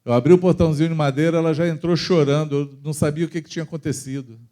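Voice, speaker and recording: A man with a Brazilian accent preaching a testimony in church, moving between loud and soft passages as he tells his story. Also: on the high side, steady tone, racing. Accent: Brazilian Portuguese. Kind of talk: sermon testimony.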